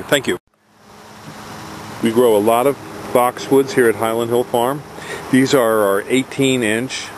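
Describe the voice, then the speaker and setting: Man pitching nursery plants outdoors. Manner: salesy, repeats phone number. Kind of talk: homemade sales pitch. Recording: outdoor camera audio with faint noise.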